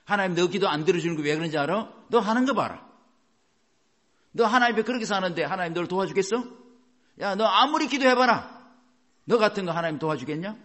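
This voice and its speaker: A man's voice: sits high, animated, a little fast, pauses often, fairly bright tone, voice pushed up. A man voicing an accusing, scornful male devil who jabs with mocking questions. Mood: taunting. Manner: sneering rhetorical jabs.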